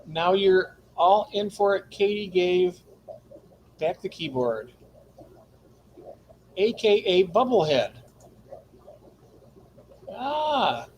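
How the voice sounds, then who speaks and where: A man's voice: high voice, animated, very slow, long pauses, darkish tone, highs cut off, a little hiss or hum. A man co-hosting a casual livestream, joking around, laughing often and reading chat comments aloud. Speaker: livestream co-host.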